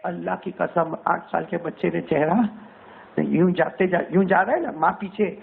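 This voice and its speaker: High gravelly preacher, tinny sound. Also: male voice. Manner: dramatic, rising to cries when quoting. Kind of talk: storytelling sermon to women.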